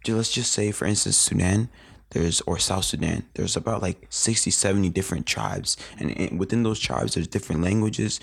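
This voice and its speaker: A man's voice: low voice, lively intonation, moderate pace, vocal fry, husky. A young man in his late teens, a guest in a casual interview, rambling through his memories with lots of filler words and restarts.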